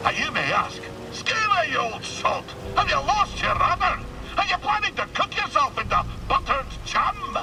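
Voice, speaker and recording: Gruff old fisherman alien for a game: high, swooping, salty storyteller with a gravelly edge. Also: very animated, normal speed, recorded from a distance, noisy background, heavily acted. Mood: jolly, teasing. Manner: gruff old fisherman, theatrical sea-dog talk. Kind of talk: animated video game character dialogue.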